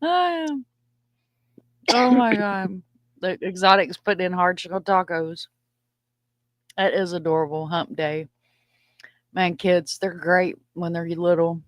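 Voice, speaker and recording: Lower-voiced woman chatting, laughing. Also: takes it slowly, pauses often, dry recording. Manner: laughs loudly, swears casually. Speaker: live stream host. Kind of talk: casual live chat.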